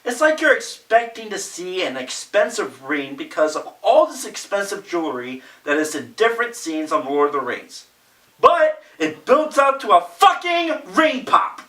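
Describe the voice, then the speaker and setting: A young man rants with exasperation and lots of swearing in a comedic movie review. His bright voice swings up and down. He sounds far from the mic in an echoey room. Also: high voice, very animated, moderate pace. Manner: exasperated, profane ranting.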